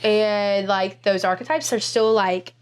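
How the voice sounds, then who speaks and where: Woman, 30s, podcast co-host, emphatic casual talker, medium pitch. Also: steady tone, unhurried, smooth. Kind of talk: casual chat.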